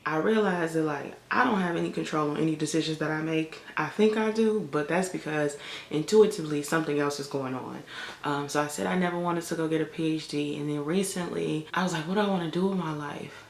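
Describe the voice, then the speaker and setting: A chatty young woman from Chicago talks straight to her camera in a loose, candid vlog, her words full of "like" and "um". Her voice has a gravelly, fried edge, and the room around her sounds echoey. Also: deep voice, a little fast. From Chicago, United States. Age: 20s. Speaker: vlogger and college lecturer. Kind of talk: casual talking-to-camera vlog. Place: room on a family vacation. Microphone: camera in front of her.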